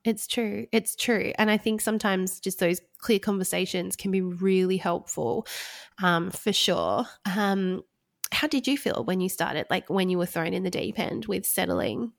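A woman's voice: mid-range voice, measured pace, vocal fry. Chatty woman podcast host giving parenting advice. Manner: chatty, warm advice-giving with fillers and laughs. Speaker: podcast co-host, sleep consultant. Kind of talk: casual podcast chat.

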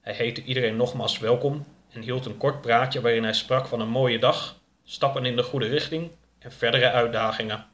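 A man narrating a story in a measured, even way. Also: medium pitch.

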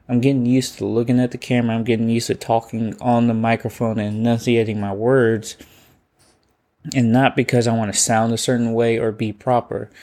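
A young man hosting his own podcast, talking in a relaxed, chatty way and laughing often, into a studio microphone at home. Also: mid-range voice. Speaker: podcast host. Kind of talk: casual solo podcast reflection. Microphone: studio microphone and webcam.

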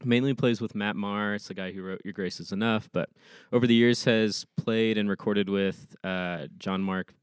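Smooth low-voiced man, dry close sound. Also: steady tone, moderate pace, few pauses, no room sound. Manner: upbeat, laughs easily. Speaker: podcast co-host, worship staff. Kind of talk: casual chat.

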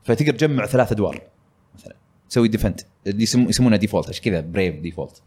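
A man's voice: lowish voice, lively intonation, rapid-fire, darkish tone, husky. A man hosting a casual gaming podcast, talking in a rambling way with many fillers. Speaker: podcast host.

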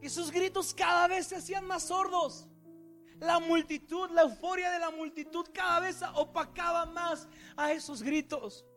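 A man with a very high voice preaching with dramatic intensity, painting the scene for his congregation. Soft music plays faintly underneath. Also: fairly even intonation, moderate pace. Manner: intense, vivid storytelling that addresses the listeners. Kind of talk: dramatic sermon storytelling.

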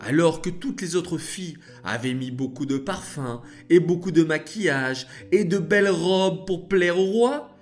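A man telling a story to children, speaking to them directly in an expressive way. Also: on the high side, measured pace, hardly any pauses, soft background music.

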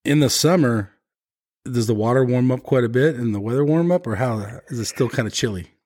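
A man's voice: medium pitch, brisk, a little mellow. A man hosting a podcast in an upbeat, informal way, asking casual questions. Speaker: podcast host. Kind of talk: casual interviewing.

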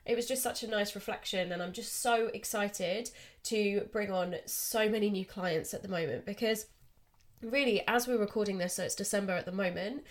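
A woman's voice: mid-range voice, moderate pace. A woman from the UK hosting her podcast, an upbeat, enthusiastic coach who laughs often, her voice slightly congested from a cold. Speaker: podcast host, confidence coach. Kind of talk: casual podcast monologue.

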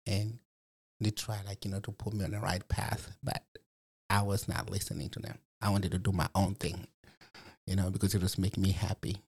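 Telling his life story in an interview, this Malawian man, a program resident guest, speaks reflectively and fills his speech with phrases such as "you know." He talks fairly quickly in a low, creaky, slightly rough voice that is a little mellow and barely moves in pitch.

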